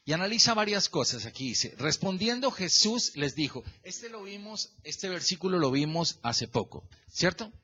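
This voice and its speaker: A pastor preaches in a bright, high man's voice that leaps up and down as he walks through a verse. He keeps questioning the congregation and calls on people by name. The recording sounds dull and lo-fi. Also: normal speed, few pauses, breathy edge. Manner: lively and animated, stretching the verse phrase by phrase. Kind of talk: sermon.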